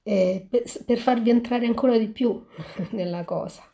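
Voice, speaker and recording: A woman reading a fairy tale aloud and pausing to reflect on it, talking in a halting way with frequent restarts. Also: on the high side, mellow. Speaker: storyteller.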